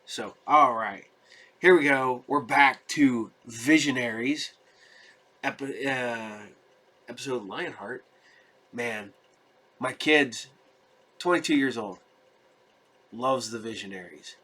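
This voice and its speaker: Casual middle-aged man hosting, medium pitch. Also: slow pace, pauses often, pushed and bright, slightly rough. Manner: informal, rambling. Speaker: host of a cartoon show. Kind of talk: casual chat to viewers.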